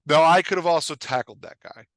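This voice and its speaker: On the high side and fairly quick, the voice belongs to a man who writes books and coaches writers, here chatting as a podcast guest. He illustrates points with examples, tells stories emphatically, and keeps checking in with his listener, recorded with no echo.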